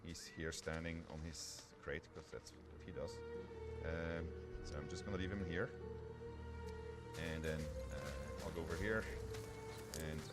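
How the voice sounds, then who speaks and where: A bass-voiced game developer speaks a little slowly with fairly even intonation, hesitating and thinking aloud while presenting an informal live gameplay demo. Loud music plays in the background.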